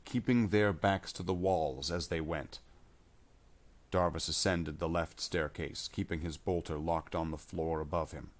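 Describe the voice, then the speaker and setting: In a plain audiobook style, a low-pitched man reads scripted science fiction, narrating without putting on character voices.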